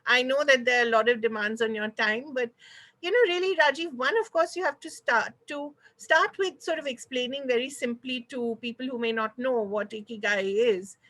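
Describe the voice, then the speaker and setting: A woman's voice: a little high, moderate pace, a bit bright. A woman with an Indian accent hosting a conversational online interview, polite and somewhat rambling as she frames her questions. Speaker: host of an online talk show. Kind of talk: conversational interview, video call. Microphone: video call.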